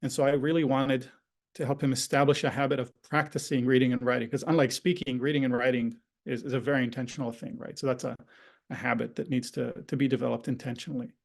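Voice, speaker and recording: This man has a medium-pitched, steady voice with vocal fry and talks at a quick pace. A native Hebrew speaker and parenting educator, he leads a conversational online workshop by video call, frequently asking "right?" to check in.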